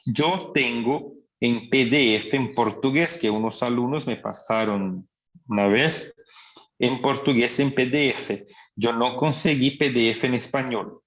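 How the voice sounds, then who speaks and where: A male psychiatry lecturer speaks at a very unhurried pace, laying out each point with rhetorical questions. His voice sits at an ordinary pitch for a man. The recording sounds dull and lo-fi. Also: fairly bright tone. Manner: slow, deliberate explaining with rhetorical questions; acts out patients' speech.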